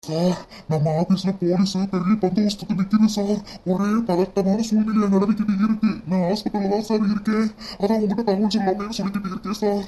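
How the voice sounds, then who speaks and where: A man's voice: high voice, flat delivery, quick pace, warm tone. A man voicing a polite company manager who reports formally and calls everyone sir. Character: dutiful male company manager, calm and formal.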